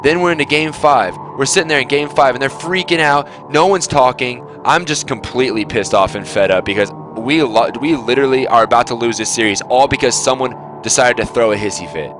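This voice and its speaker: Blunt swearing young team captain. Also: male voice, mid-range voice, a little fast, hardly any pauses, music in the background. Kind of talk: team pep talk.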